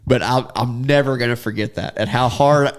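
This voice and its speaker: This duck hunting guide and podcast host has a mid-range voice and talks a little fast. Telling stories in a relaxed chat, he laughs often, keeps restarting and uses a Southern "y'all."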